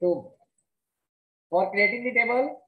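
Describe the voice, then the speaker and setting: A woman with a North Indian accent teaching an online class step by step in a halting, repetitive way. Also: a little high, expressive, narrow, tinny audio. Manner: halting, repeats words and questions students. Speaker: computer science teacher. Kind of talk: online lesson, explaining step by step. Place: indoors, online class with screen share. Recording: echoey room.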